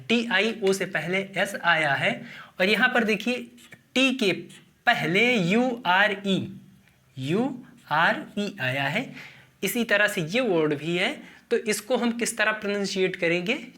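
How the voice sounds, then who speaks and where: A man's voice: high voice, pushed and bright. A man from India teaching English pronunciation in a lesson, repeating each word and asking the listener questions as he goes. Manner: slow, repeats words and quizzes the listener. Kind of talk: classroom-style lesson at a board.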